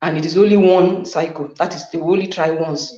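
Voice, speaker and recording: A woman caller from Nigeria talking on speakerphone from work, telling her story in a halting, hesitant way. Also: on the low side, steady tone, warm tone. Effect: on speakerphone, echoing. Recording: echoey, muffled phone line.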